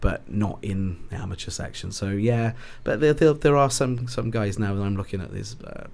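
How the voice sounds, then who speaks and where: A man's voice: fairly low pitch, moderate pace, creaky, a little mellow. A man with a South Wales Valleys accent chatting casually in an interview, rambling and correcting himself as he goes. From Ebbw Vale, South Wales. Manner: hesitant, rambling, self-correcting. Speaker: boxing ring announcer, podcast guest.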